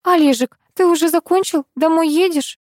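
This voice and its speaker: A woman's voice: extremely high pitch, normal speed, no echo, studio quality, pitched above the performer's own voice. A woman voicing the chatty, easily surprised wife of a director. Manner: exclaiming, eager.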